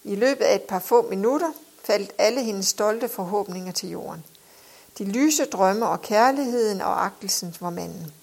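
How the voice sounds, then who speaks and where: A woman narrating an audiobook in a measured, expressive reading style. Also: mid-range voice, vocal fry, slightly rough.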